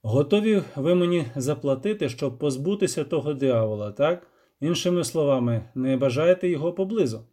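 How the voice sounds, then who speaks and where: Male reader as steady, polite monster hunter, even and patient. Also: a little high. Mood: calm. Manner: calm, measured and polite.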